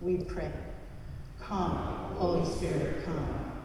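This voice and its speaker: A woman's voice: fairly low pitch, fairly even intonation, slow, background noise. Woman leading prayer in cathedral echo. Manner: solemn chanted cadence with repeated refrains. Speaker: prayer leader at a church service. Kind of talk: recited liturgical prayer. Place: large church. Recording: cavernous church reverb from a distant mic.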